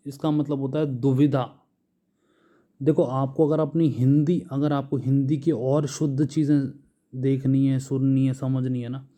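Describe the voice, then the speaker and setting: A man with an Indian English accent teaching English vocabulary, slowly listing synonyms and explaining them in Hindi. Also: mid-range voice, mellow. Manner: slow, patient, drawn-out word lists.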